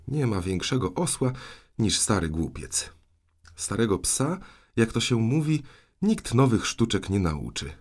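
A man voicing a scolding but soft-hearted elderly aunt in an audiobook, exclaiming and fretting. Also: lowish voice.

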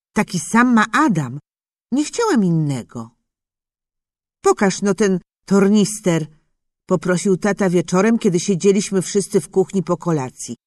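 Expressive first-person children's story narrator. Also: mid-range voice, no room sound, studio quality. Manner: expressive storybook telling as a young boy. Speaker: audiobook narrator.

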